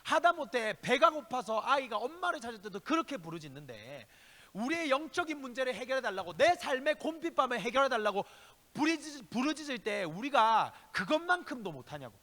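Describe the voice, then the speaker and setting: A man preaching a youth sermon in a church, swinging between loud exhortation and hushed asides and firing rhetorical questions at his listeners. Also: very high voice, very animated, brisk, big-room sound. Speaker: youth pastor. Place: church sanctuary.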